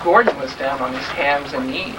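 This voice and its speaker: A man narrates a children's story with mock-serious, melodramatic theatrical flair, his mid-range voice lively in intonation and moving at normal speed. The live stage recording is distant and very noisy.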